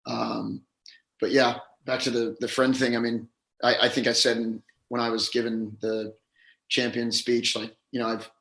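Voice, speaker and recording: Hoarse man in a roomy space. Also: medium pitch, little pitch movement, normal speed, a bit bright. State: hoarse, voice a little gone. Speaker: professional golfer, podcast guest. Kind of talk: casual chat.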